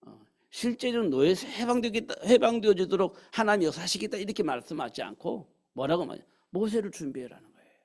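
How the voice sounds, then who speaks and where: A man's voice: sits high, lively intonation, quick pace, darkish tone. A man preaching a sermon in a church, often asking the congregation rhetorical questions. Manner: preaches with rhetorical questions and acted quotes of God's words. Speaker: pastor. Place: church sanctuary.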